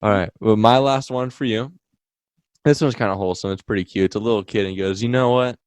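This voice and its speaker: A teenage boy co-hosts a school podcast in easy, slangy chat, laughing between lines. His voice sits a little low for a guy. The room sound is dry and close. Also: fast, clean tone, no room sound. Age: teens. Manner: laughs often, relaxed slangy talk. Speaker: podcast co-host. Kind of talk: casual chat.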